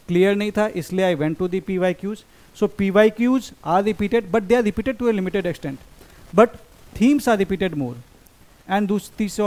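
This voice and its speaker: A young man giving an exam strategy lecture in Hindi and English. He reads quoted exam statements slowly and explains the rest briskly. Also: sits high, a little mellow. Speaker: exam coaching teacher.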